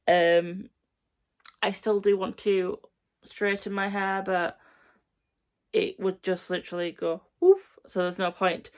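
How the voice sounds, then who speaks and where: A young woman with a croaky voice giving a rambling, self-correcting reading update to camera from home. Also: fairly low pitch, fairly bright tone. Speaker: reading vlogger.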